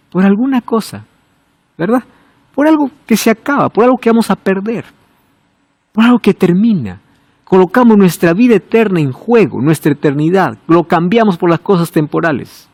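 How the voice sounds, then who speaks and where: A man preaching a sermon in a fairly high voice, recorded close and dry. He asks rhetorical questions and swings from emphatic high lines to quiet, low asides. The pitch keeps rising and falling with his emphasis. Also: animated, normal speed, dry recording.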